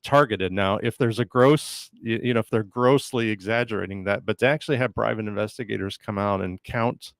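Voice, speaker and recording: A man with an American accent answering as a guest in a casual radio interview, haltingly and often repeating his words. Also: fairly low pitch, gravelly, no room sound. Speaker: interview guest, county development director. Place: radio studio.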